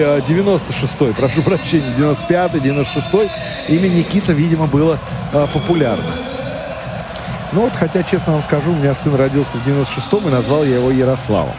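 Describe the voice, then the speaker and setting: A middle-aged man giving live, descriptive hockey play-by-play in a halting way, with drawn-out hesitations. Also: on the high side. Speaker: hockey commentator. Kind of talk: live audio-described match commentary.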